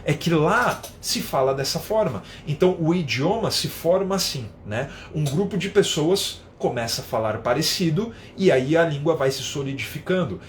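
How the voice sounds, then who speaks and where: São guy teaching a live class, a bit high-pitched, chatty, keeps tagging questions, faint noise behind. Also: lively intonation, normal speed, few pauses. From São Paulo, Brazil. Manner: conversational, explains with everyday examples, keeps adding a tag question. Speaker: English teacher. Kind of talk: live online lesson.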